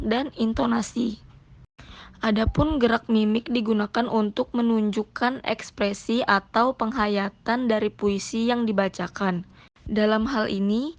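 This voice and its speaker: A woman teacher reading a scripted lesson in a measured, explanatory way. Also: medium pitch.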